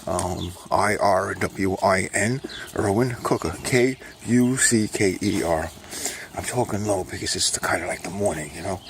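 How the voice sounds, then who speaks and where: An older man from Brooklyn rambling casually on a morning dog walk, pitching his own books with self-mocking salesman patter and a repeated catchphrase. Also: measured pace, gravelly, noisy background. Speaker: self-published author promoting his books. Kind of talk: casual rambling vlog while walking a dog.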